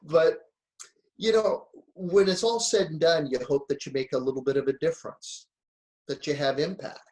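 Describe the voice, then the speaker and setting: A man of around sixty, a guest speaker and author, talking in a relaxed, reflective way and telling stories with frequent chuckles. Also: a little high, moderate pace. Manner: reflective, storytelling, chuckles often. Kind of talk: relaxed conversational interview.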